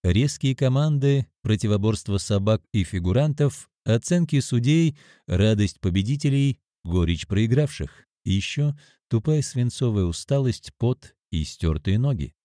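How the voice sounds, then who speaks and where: Expressive male storyteller, warm voice. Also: mid-range voice, measured pace, few pauses, no room sound, clean studio sound. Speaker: narrator. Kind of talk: first-person audiobook narration.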